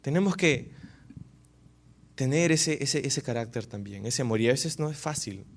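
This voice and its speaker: A man preaching a sermon, animated, often tossing rhetorical questions to his listeners. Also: mid-range voice, normal speed, gravelly. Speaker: pastor.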